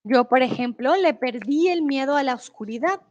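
A woman's voice: sits high, lively intonation, normal speed, dull audio. A young woman teaching Spanish in a live online lesson, reading out viewer comments and explaining things in a friendly, patient way, sometimes in English.

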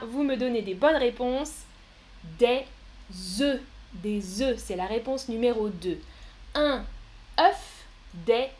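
A woman giving a live pronunciation lesson, speaking slowly and carefully, repeating each word and laughing softly now and then. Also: sits high. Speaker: French teacher.

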